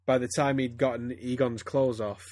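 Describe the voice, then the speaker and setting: A man's voice: medium pitch, steady tone, normal speed, a little mellow. A man reading fan fiction aloud to friends, stumbling and breaking into laughter as he goes. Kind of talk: casual comedic reading aloud.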